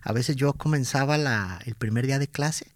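Measured man hosting in a dry studio. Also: mid-range voice, dry recording. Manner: measured, storytelling, frequent tag questions. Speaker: podcast host, former TV teacher. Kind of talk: conversational interview.

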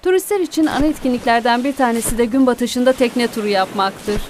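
A woman's voice: fairly high pitch, a little fast, a little mellow, a little hiss or hum. A woman narrating a first-person true story in an earnest, dramatic reading voice.

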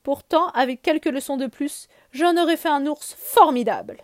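A woman voicing a gentle, fatherly male bear in a storybook reading. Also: high voice, moderate pace, dry recording, studio quality, voice pushed up, close to an everyday voice. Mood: fond.

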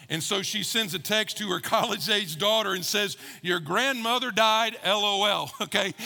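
A middle-aged man delivers a sermon as pastor, joking easily with his congregation. His voice sits high and bright with a gravelly edge. It rings out with the long reverb of a church sanctuary.

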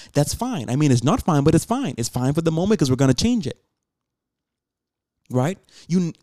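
A man's voice: fairly high pitch, a little mellow, dry recording, clean studio sound. A seventeen-year-old man hosting a solo podcast, talking earnestly and preachily to his listeners with rhetorical questions, often restarting and repeating words. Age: teens. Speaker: podcast host.

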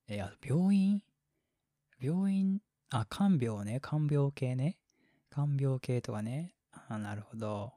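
A man's voice: medium pitch, dark tone, no echo. A man speaking with a Kansai accent as a boyfriend in whispered role-play chat, rambling, laughing often and dropping into half-whispered asides, close to the mic. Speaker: boyfriend in a situation voice.

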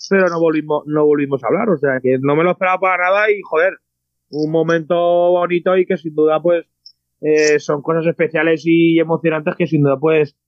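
A man's voice: on the high side, a little fast, no echo. A man, co-hosting a podcast in casual chat, rambling and full of restarts. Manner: excited, rambling with many restarts. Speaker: podcast co-host. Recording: dull lo-fi dry sound.

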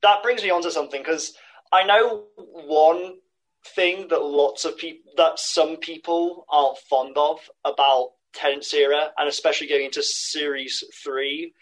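On a low-quality recording, a man with a high-leaning voice and fairly even intonation speaks unhurriedly. He co-hosts a casual podcast, musing thoughtfully with lots of "like" and "um."

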